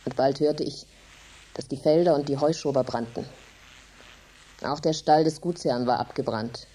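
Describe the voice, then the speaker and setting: In a German radio drama monologue, an actress plays a poor farm widow consumed by grief and bitterness, recounting her story intensely and dramatically. She speaks emphatically in a low, breathy voice at a moderate pace, sinking now and then into hushed drops. The mood is sorrowful and bitter.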